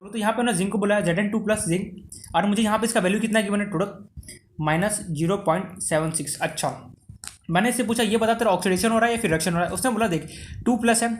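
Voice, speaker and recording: A young male tutor with an Indian Hindi accent rushes through a chemistry lesson in a high, quick voice. He asks himself questions and answers them at once, barely pausing for breath. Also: slight background noise. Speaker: chemistry teacher. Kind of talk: fast explanatory lesson.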